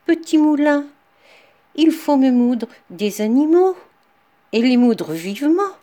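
A woman voicing a poor, generous woodcutter in a spoken fairy tale, calling out loud and cheerfully. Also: fairly high pitch, big pitch swings, a little slow.

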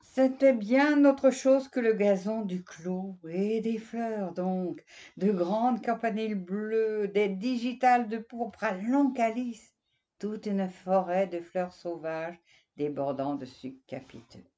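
A woman narrates a classic tale with lively expression and speaks straight to her listener. Her pace is slow and unhurried. The sound is muffled and lo-fi. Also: medium pitch. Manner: expressive, addresses the listener directly. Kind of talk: storybook reading. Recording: dull lo-fi recording.

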